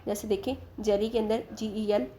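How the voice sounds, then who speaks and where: A woman's voice: mid-range voice, steady tone, moderate pace, noisy background. A woman teaching English in Hindi, spelling out letters and sounds, patiently asking and answering her own questions. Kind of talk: explaining lesson in Hindi with English terms.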